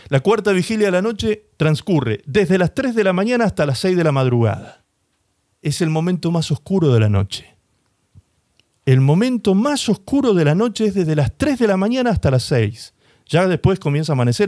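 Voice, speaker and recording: A male pastor preaching a sermon, retelling scripture dramatically and slowing down for emphasis. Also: sits high. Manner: expressive preaching, slows and rises for emphasis; dramatizes scripture, voicing the people in the story.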